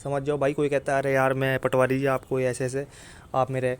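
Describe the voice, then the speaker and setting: Speaking directly to his audience, this North Indian exam coaching YouTuber explains things informally and bluntly, hammering points home and making sure viewers keep up. His mid-range voice is smooth and brisk, with a completely flat delivery.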